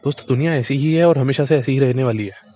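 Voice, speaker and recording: A man's voice: medium pitch, quick pace. A man speaking as a motivational speaker, giving blunt advice in a casual, direct way, often repeating himself and calling the listener his friend. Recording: dull lo-fi recording.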